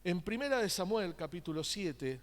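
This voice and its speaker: A pastor preaches from the pulpit in a long, echoing church hall. His voice sits high for a man, and he keeps the congregation involved with call-and-response questions and wry asides. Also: big pitch swings, normal speed. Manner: joking, conversational asides. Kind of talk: sermon. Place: church sanctuary.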